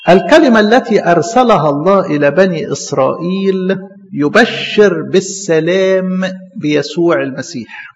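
A man's voice: high-pitched, a little hiss or hum. A man preaching a Bible sermon in Egyptian Arabic, putting questions to the congregation and answering them himself. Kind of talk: call-and-response Bible sermon. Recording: muffled hall recording with long echo.

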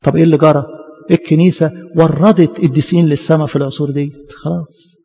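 A man's voice: a little high, flat delivery, fast talker, vocal fry, warm tone, husky. A man with an Egyptian Arabic accent preaching a sermon as a priest, impassioned and full of rhetorical questions. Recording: dull sound with long hall reverb.

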